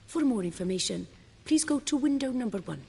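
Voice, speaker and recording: Husky, formal female bank clerk. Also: a little high, lively intonation, fairly quick, dark tone, heavily acted. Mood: polite stonewalling. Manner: formal, rote customer-service courtesy. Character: polite, bureaucratic female bank clerk, stonewalling customers. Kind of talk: scripted video game dialogue. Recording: long reverberant hall.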